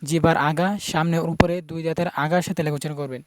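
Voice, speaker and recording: A man's voice: a little high, fairly even intonation, very fast, noisy background. A man teaching Quran pronunciation, patiently repeating each letter sound and explaining where it is made in the mouth. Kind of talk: pronunciation lesson.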